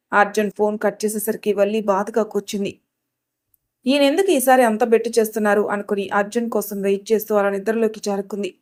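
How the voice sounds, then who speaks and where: A woman's voice: mid-range voice, darkish tone. A woman narrating a family drama audio story, reading all the characters' dialogue herself with only small changes in her voice. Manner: reads every character's dialogue in her own voice with small shifts.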